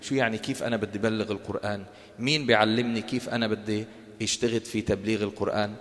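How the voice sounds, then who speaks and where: A man's voice: fairly low pitch, fairly even intonation, racing, fairly bright tone. Levantine man teaching in a reverberant hall. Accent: Levantine Arabic. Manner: colloquial, questions the audience and answers himself. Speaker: Quran course teacher. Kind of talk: interactive religious lecture.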